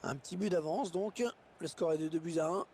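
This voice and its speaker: An actor plays a keen male football commentator from a sports video game. His voice sits on the high side for a man, over faint background noise. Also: a little fast, darkish tone, natural voice. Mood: measured.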